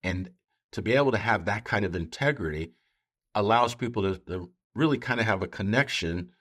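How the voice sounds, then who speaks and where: A man speaking as a pastor in a conversational podcast style, earnest and halting, often voicing other people's remarks. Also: lowish voice, animated, fairly bright tone. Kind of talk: conversational podcast talk with storytelling.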